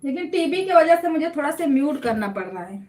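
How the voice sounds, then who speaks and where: A woman chatting loudly with viewers during a live stream while she cooks at home, her phone propped up high. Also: quick pace. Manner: chatty, loud and lively, calls out to viewers. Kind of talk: casual live-stream chat while cooking. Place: home kitchen. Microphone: phone placed up high.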